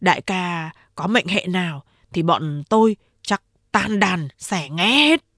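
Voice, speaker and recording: A woman's voice: on the low side, animated, slow, a bit bright, dry recording, studio quality, full character voice. A woman voicing a loyal male underling who anxiously coaxes his boss and rebukes a young woman indignantly. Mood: fretful.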